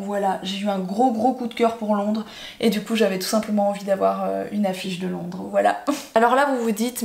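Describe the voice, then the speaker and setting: Chatty Belgian-born young woman vlogger. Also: a little high. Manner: chatty, many fillers and restarts. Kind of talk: casual sponsored vlog chat. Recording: echoey room.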